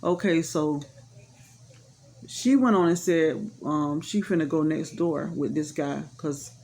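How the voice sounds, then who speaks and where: A woman's voice: low voice, slow, creaky, darkish tone, slight background noise. A woman telling a personal story in a casual, rambling way, frank and matter-of-fact, with many fillers. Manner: rambling, full of "you know" fillers; frank and matter-of-fact about hard events.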